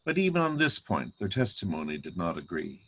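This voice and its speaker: Male narrator for a scripture reading, lowish register, raspy tone. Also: big pitch swings, fairly quick, fairly bright tone.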